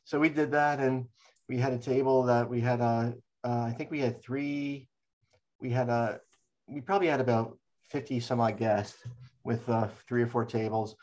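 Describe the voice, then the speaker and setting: An older man with a medium-pitched, steady, slightly mellow voice speaks at a moderate pace in an oral history interview. Recalling his memories, he rambles from one anecdote to another and frequently restarts his sentences.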